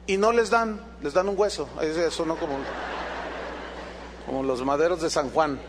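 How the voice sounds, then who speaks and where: A man preaching a sermon as pastor, animated, asking the congregation rhetorical questions and acting out dialogues. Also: fairly high pitch, moderate pace, noisy background.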